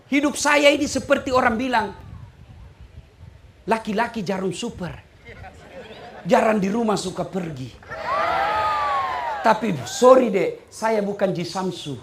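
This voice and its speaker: A male preacher, giving a humorous sermon to a live audience, with loud bursts of emphasis and snatches of sung song. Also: extremely high pitch, a little hiss or hum.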